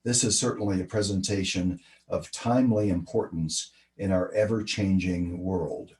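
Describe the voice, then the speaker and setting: A man reads out a speaker introduction at an online meeting. His voice is very deep. He sits well back from his video-call mic, so he sounds distant. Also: fairly even intonation, moderate pace, a little mellow. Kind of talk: reading an introduction.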